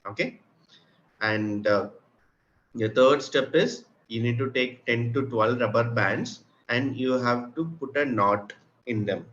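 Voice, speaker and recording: A man's voice: mid-range voice, slow, a bit bright. A man with an Indian accent teaching a craft step by step, explaining simply and patiently to children and checking that they follow. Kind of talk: step-by-step spoken tutorial. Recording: muffled, with clearly audible room noise.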